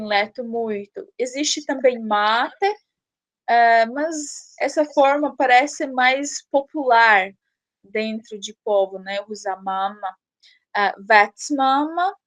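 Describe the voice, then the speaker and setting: A woman teaching a language lesson, pronouncing words slowly and carefully and explaining patiently. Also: sits high. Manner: slow, careful word-by-word pronunciation.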